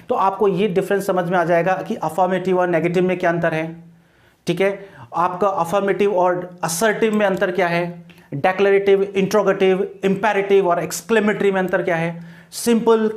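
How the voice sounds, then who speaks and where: Man teaching, spelling words slowly. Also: high-pitched. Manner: spells words out slowly letter by letter, repeating key words. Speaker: English grammar teacher. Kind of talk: online exam-prep lecture.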